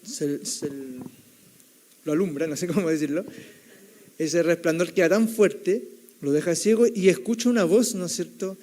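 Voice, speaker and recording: Young man, theology student, preaching; higher-pitched voice with a mellow, soft edge; keeps checking in with the congregation. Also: normal speed. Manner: keeps adding the tag question "right?", storytelling tone. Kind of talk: sermon.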